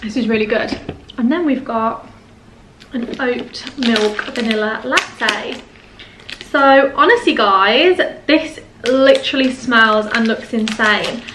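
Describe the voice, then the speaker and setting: A young woman with a slightly high voice chats to camera between bites, gushing about each dish. She sits on the floor at home, and the room adds a roomy echo. A faint hiss of noise sits under her voice. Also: slow, a bit bright. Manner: chatty, gushing about food, talking while eating. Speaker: vlogger. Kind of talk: casual mukbang chat to camera.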